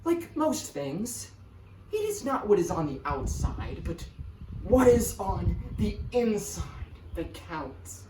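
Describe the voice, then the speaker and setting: A woman acts out a wheedling merchant showman in an amateur stage monologue. The delivery is slow and dramatic, full of pauses and exclamations. It sounds distant and echoey, recorded outdoors. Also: on the low side, big pitch swings, dark tone. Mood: mysterious storytelling. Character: male desert merchant, eager, wheedling showman and storyteller. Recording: roomy, distant mic, noisy outdoor ambience.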